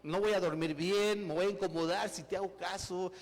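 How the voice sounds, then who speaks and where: A man preaching a sermon, acting out people's excuses and building to loud, emphatic preaching. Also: sits high, steady tone, a little fast, long reverb tail. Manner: acts out excuses in quoted voices, rises to loud emphatic preaching. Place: church hall.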